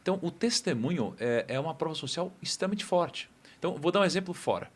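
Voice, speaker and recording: A man's voice: on the high side, expressive, fast. A man speaking as a podcast guest, explaining ideas thoughtfully with frequent tag questions into a studio mic. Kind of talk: casual podcast discussion.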